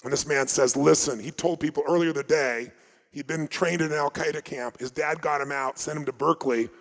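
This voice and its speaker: A man speaking as a motivational speaker, telling stories at a live seminar in an emphatic way that swings from loud urging to hushed asides. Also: a little high, fairly even intonation, brisk, long reverb tail.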